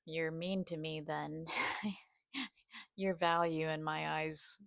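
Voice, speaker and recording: A woman speaks slowly in a slightly low voice with vocal fry that can turn scratchy. She is halting and hesitant, pausing often as she rambles through a personal vlog. The sound is close and dry. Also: steady tone, fairly bright tone, no echo. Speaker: video host. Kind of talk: rambling personal vlog, partly reading a study aloud.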